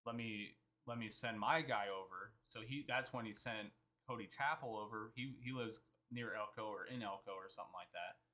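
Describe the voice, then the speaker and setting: A man's voice: fairly low pitch, moderate pace, pushed and bright. A man recapping a trip in casual, rambling storytelling, often quoting himself and others. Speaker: vlogger.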